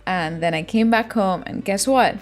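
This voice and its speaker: A woman's voice: medium pitch, normal speed, soft background music. A young woman talking casually and informally about her days in a chatty, self-deprecating vlog style. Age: young adult. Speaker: vlogger. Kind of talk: casual vlog narration and chat.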